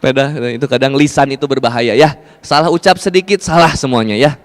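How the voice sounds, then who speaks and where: Lively Sundanese-accented male preacher, smooth high voice, hall reverb. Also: a little fast. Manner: animated, jokey, shifts into Sundanese asides, swings between loud and soft. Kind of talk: lively sermon to motorbike drivers.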